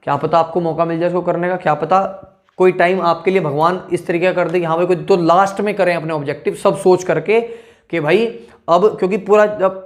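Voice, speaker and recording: A man's voice: high voice, steady tone, brisk. A male teacher giving exam advice to students in a blunt, scolding way, checking in with them again and again. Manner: blunt, scolding, keeps asking "ठीक है ना".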